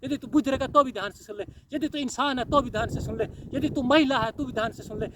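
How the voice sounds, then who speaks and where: A man's voice: very high voice, fast talker, distant mic, noisy background. A man preaching a fiery, repetitive sermon, exhorting listeners and breaking into tongues. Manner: exhorting, repetitive, shifts into loud pleading.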